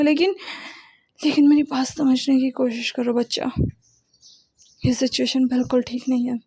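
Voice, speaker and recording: A woman voicing a gentle but firm mother who soothes her son in a soft, half-whispered voice. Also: high voice, breathy edge, dry recording.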